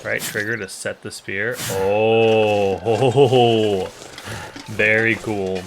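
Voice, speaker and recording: Man, let's play host, casual rambling commentary, joking, low voice, noisy game audio behind. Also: fairly even intonation, very slow, gravelly.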